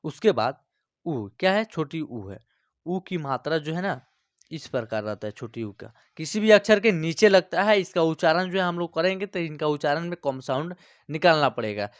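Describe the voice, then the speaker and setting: A male teacher walks through a lesson step by step. He keeps asking whether his listeners follow. His voice sits a little high, and the recording is dry and close. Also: animated, normal speed, dry recording. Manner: explains step by step, often checks understanding. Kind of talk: online class lesson.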